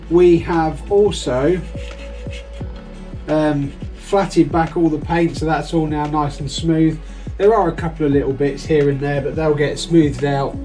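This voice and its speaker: Here a British man hosts a relaxed vlog or livestream, his voice on the high side and a little mellow. He chats informally and playfully, frequently as though thinking aloud to himself.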